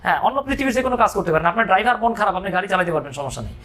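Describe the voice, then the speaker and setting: A man's voice: high-pitched, lively intonation, racing, a bit bright. Man, grammar teacher, lesson talk, jokey asides, rhetorical questions.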